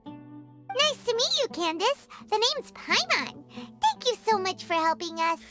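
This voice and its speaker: A woman voicing a tiny, excitable childlike fairy companion in a video game, squeaky, cutesy and exclamatory. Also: measured pace, soft background music, exaggerated voice. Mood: cheeky, chatty. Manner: cutesy, exclamatory, refers to self in third person. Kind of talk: video game character acting.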